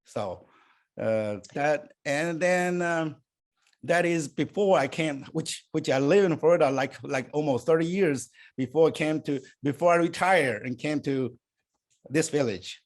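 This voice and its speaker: This older guest was born and raised in Taiwan, speaks Chinese as his first language, and answers the interviewer in halting English. His slightly high voice stumbles through many fillers and restarts.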